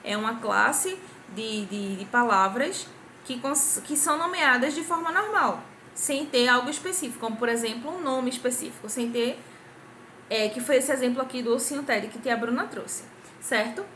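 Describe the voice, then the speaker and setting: A young adult primary school teacher with a Brazilian Portuguese accent records a patient grammar review for children, quizzing the class and clapping out syllables. Her fairly high voice is animated and sharp, at a moderate pace, with a little hiss or hum in the background.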